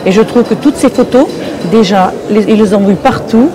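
An older Moroccan woman, a guest on a fair stage, talks hesitantly and repetitively in a casual interview. Her voice is medium-pitched at a normal speed. The wooden hall at the public fair is filled with crowd chatter.

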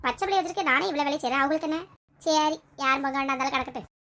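High bright voiced woman, nagging and scolding in a family comedy skit, talks super fast. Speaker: skit creator playing family roles.

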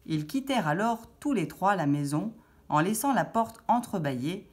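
Woman storyteller, expressive, lively pitch, lower voice. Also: normal speed. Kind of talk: children's story reading.

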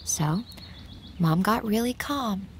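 An actress playing an earnest, loyal young daughter who narrates a radio drama in the first person. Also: female voice, medium pitch, animated, slow pace, slight background noise. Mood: earnest, reflective.

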